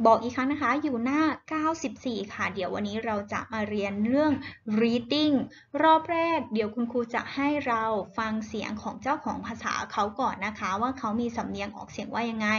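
Woman teacher giving an online lesson, high voice, coaxing and instructive, slightly muffled recording with faint hiss. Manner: coaxing, instructive, addresses students kindly. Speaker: English teacher.

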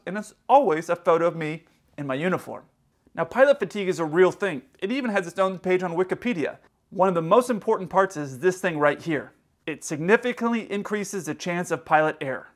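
Animated man telling pilot stories. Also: high-pitched. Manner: animated, acts out other people's lines in quick quoted bits. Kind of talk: casual storytelling to camera. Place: hotel room, indoors.

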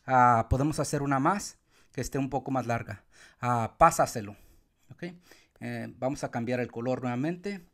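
A man teaching Spanish accent rules step by step, sometimes calling out words loudly to show where the stress falls. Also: medium pitch. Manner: calls out words loudly to show the stressed syllable, counts syllables slowly. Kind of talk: explaining accent marks step by step.

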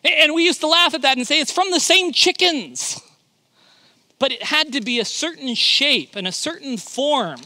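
A man's voice: very high voice, moderate pace, few pauses, sharp tone, dry recording. A male pastor preaching a sermon, emphatic and often repeating his words as he begins a thought.

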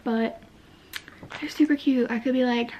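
High-pitched girl vlogging her day, chatty and bubbly, lots of likes and ums, noisy phone recording. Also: steady tone, normal speed, warm tone, dull audio. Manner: bubbly, chatty, filler-heavy with "like" and "um". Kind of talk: casual day-in-my-life vlog chat.

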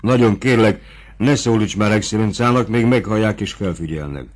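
A man reading an audiobook, voicing an eager young nobleman on the run, lifting his voice higher and louder. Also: close to an everyday voice. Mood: pleading.

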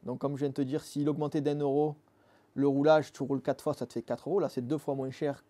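A man's voice: mid-range voice, level tone, quick pace, warm tone. A man in his thirties, an app founder being interviewed, explaining step by step in casual, earnest talk with many fillers, recorded in a workshop studio on a lapel mic. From Marseille, France. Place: dim motorcycle workshop studio.

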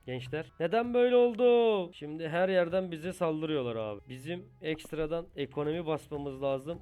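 A man talking through a strategy game in a loose, excitable let's-play style, cursing at rival countries one moment and chatting with his audience the next. His voice sits at an ordinary middle pitch, and faint music plays underneath. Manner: excitable, swears and scolds the game's countries; chatty, keeps addressing viewers as "abi". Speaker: gaming YouTuber. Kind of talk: casual let's-play commentary.

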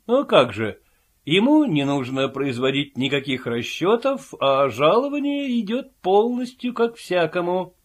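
Expressive male audiobook narrator. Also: high-pitched, unhurried. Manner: expressive storytelling.

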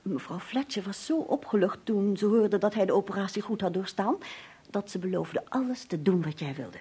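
A brisk detective's wife, old radio show. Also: female voice, medium pitch, animated, warm tone, breathy edge. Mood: calm, explaining. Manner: brisk and reassuring, explains things steadily. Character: composed, resourceful adult woman assisting a detective. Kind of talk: 1950s radio drama acting.

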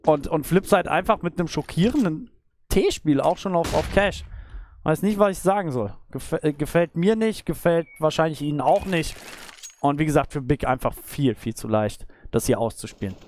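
Casting note: male esports caster, high-pitched voice, live match commentary over game gunfire. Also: expressive, moderate pace, darkish tone, slight background noise. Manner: esports caster delivery, analytical, exclaiming at big plays. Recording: game gunfire and clicks behind voice. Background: video game gunshots.

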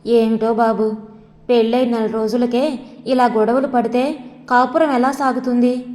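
Woman voicing a worried, gentle mother. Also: fairly high pitch, steady tone, unhurried, lightly acted. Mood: coaxing. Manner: soft, coaxing. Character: worried middle-aged mother, gentle and anxious. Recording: long reverb.

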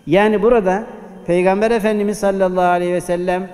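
A man's voice: high voice, fairly even intonation, quick pace, a little mellow. A man preaching a Friday sermon at a pulpit microphone, exhorting the congregation with rhetorical questions. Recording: long hall reverb.

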